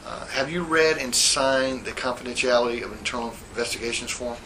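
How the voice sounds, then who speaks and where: Heard on a faintly hissing old interview tape, an internal affairs sergeant with a steady, medium-pitched voice questions a witness in an interview room. The formal sworn-statement session is measured and procedural, with him reading out formal statements.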